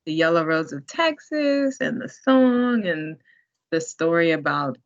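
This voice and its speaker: Hosting a library talk over a video call, a woman speaks with admiring enthusiasm in a casual discussion. Her voice sits on the low side, expressive and unhurried, and the lo-fi call audio is muffled.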